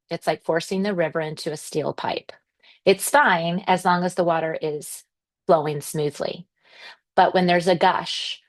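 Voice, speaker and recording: A woman giving a workshop presentation to parents, explaining things in a gentle, reassuring, measured way. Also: sits low.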